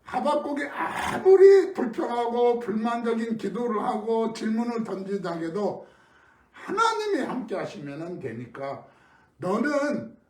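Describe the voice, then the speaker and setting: A middle-aged man from Korea preaching an early-morning sermon as pastor, telling stories in a conversational way with sudden loud emphases. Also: very high-pitched, very animated, unhurried, slight background noise. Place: church sanctuary. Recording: echoey room, mic at a distance.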